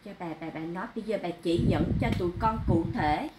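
A woman's voice: fairly low pitch, fast. A woman, a client, pleading deferentially with a medium. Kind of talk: pleading conversation. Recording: echoey room with loud noise.

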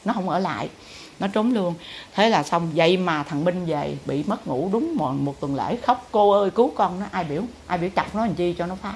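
A woman with a Southern Vietnamese accent and a fairly low, animated voice, a spiritual teacher, tells her followers a dramatic story at normal speed, delivering it emphatically and acting out the quotes. A little hiss or hum sits in the background.

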